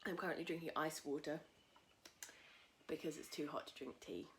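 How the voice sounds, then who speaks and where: A woman hosting a casual knitting podcast from home, a little husky from a cold, chatting in a rambling way with many fillers. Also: deep voice, steady tone, normal speed, a little hiss or hum. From England. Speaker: podcast host. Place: at home in a tiny house. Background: cockatoos calling outside.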